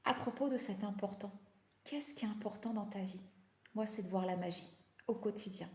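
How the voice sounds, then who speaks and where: Female live-stream coach, mellow and tired, slight slushy lisp, halting repetitive delivery, roomy echo. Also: medium pitch. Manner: halting, repeats phrases for emphasis. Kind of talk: casual motivational live chat. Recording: echoey, roomy sound.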